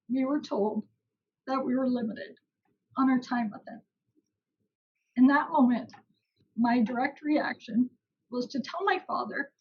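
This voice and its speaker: Young woman giving a heartfelt grad speech, breathy voice, kinda muffled audio. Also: a little high. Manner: emotional, heartfelt. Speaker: valedictorian. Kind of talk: graduation speech. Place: online ceremony.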